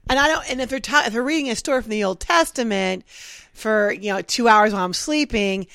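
Talky woman, bit high voice, rambles and laughs, dry close mic. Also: brisk, vocal fry, fairly bright tone, smooth, no room sound. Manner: chatty, rambling with restarts and laughs. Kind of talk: casual chat.

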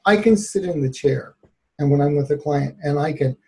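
A male therapist, a guest on an interview show, telling a personal story in an animated way and laughing often. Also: a little high, normal speed.

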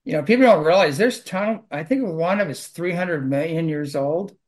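A man speaks in a voice pitched a little above the usual for men. He chats casually and wanders from point to point in an earnest, rambling way. He talks about his work clearing houses. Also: moderate pace. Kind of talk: casual conversation.

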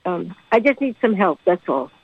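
A woman calling in to a radio show, heard over a crackly phone line that fades in and out, speaking hesitantly with many pauses. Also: on the low side, sing-song, breathy edge, no room sound. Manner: hesitant, halting, full of ums. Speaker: caller. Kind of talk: call-in question to a radio show. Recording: tinny, dry phone-line audio.

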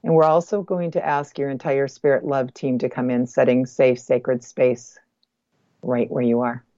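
A woman guides a meditation in a low, mellow voice, soft and close as if right in your ear. She phrases deliberately, leaving pauses between short groups of words. The sound is dry but dull and lo-fi. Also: little pitch movement, no room sound. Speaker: guest energy healer.

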